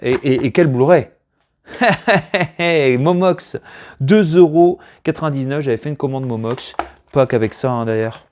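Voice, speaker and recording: A man's voice: mid-range voice, a little slow, darkish tone. Rambling man chatting about his collection. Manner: rambling, hesitant, chuckling often. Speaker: collector showing his finds. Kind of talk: casual unboxing chat to camera. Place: room at home, indoors.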